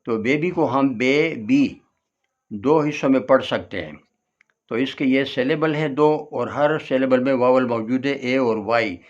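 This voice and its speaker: Male tutor, unhurried, spells words out, dull lo-fi recording. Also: mid-range voice. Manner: slow, spells words out letter by letter; switches between English and Urdu explanations. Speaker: English tutor. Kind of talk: classroom lesson.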